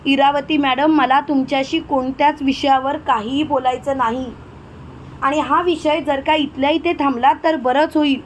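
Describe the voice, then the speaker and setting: A woman's voice: high-pitched, steady tone, normal speed, a little hiss or hum, lightly acted. Malvika, a defiant young woman, read by a woman.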